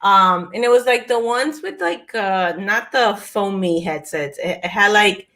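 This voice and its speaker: A lively woman in her forties from Peru co-hosts a casual video-call chat, telling a story from her own life in a slightly slow, medium-pitched voice. She laughs frequently and keeps restarting, her speech peppered with fillers.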